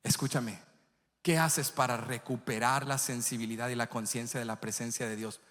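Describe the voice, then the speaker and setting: A man's voice: mid-range voice, fairly even intonation, moderate pace, fairly bright tone. A male pastor preaching a sermon, passionate and telling vivid stories. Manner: impassioned preaching with vivid storytelling. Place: church sanctuary. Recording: echoey church hall.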